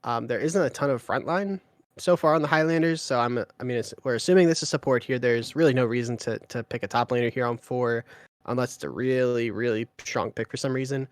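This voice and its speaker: A man calling a live esports draft play-by-play, chatty and teasing as he banters with his co-caster. He often pauses on an "uh". The sound is close and dry, with no room around it. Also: mid-range voice, no echo.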